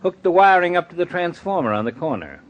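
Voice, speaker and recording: An actor playing a wisecracking middle-aged family doctor in a 1950s radio comedy, dry and mocking. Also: male voice, sits high, big pitch swings, quick pace. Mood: sardonic. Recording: dull, band-limited 1950s radio recording.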